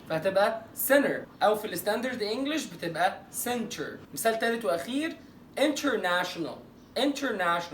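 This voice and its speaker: Fast-talking Egyptian man teaching English. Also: high-pitched, fairly bright tone, reverberant, far from the mic, slight background noise. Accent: Egyptian Arabic. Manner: playful, joking, drawing out example words slowly. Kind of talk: online lesson.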